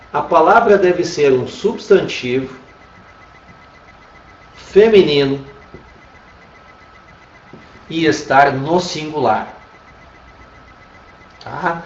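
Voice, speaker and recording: A Brazilian man teaches a Spanish lesson online in a patient, check-in manner. His voice sits fairly high for a man. He sounds set back from the mic in an echoey room, with a dull, lo-fi tone. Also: extremely slow, pauses often. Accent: Brazilian Portuguese. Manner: patient, repeats "tá?" often. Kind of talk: online class lecture. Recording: roomy, distant, dull lo-fi sound.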